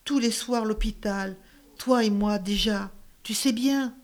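A woman's voice: mid-range voice, a little slow, natural voice. An actress playing an irritable, bored woman in a stage-play dialogue, speaking in clipped, insistent, repeated phrases. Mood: weary, resigned. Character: restless, irritable, bored woman fed up with theatre and hospital visits.

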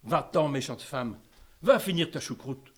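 A man's voice: medium pitch, expressive, unhurried, lightly acted. A man playing a pampered, petulant, childish king in a comic sketch, sing-song and capricious. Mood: sulky.

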